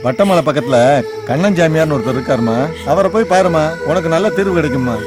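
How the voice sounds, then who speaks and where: An actor playing a kindly grandfather who gently consoles a grieving woman. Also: on the high side, lively intonation, fast, music in the background, close to an everyday voice. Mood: consoling.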